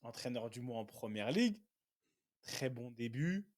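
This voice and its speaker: A man with an ordinary mid-range voice co-hosting a casual podcast. He talks in a relaxed way, often trailing off and repeating phrases as he goes. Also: mid-range voice, a little slow. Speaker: podcast co-host.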